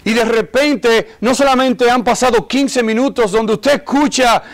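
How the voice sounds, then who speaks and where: A man preaching a sermon as pastor of a church service, earnest, often checking in with his listeners and slowing down to stress key words. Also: very high voice. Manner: earnest preaching, keeps asking listeners "¿verdad?".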